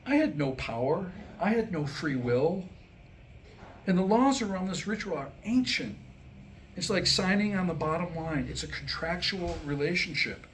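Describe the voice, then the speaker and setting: A man in his sixties with a high, expressive, fairly bright voice reads jokes and comic monologue at a normal speed, wryly playing out the dialogue. The staged performance was recorded live in a room, with poor audio and background noise.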